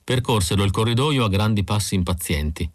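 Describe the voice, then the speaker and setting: A man narrating an audiobook in a measured, expressive reading. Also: on the low side, dry recording, clean studio sound. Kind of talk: scripted narration.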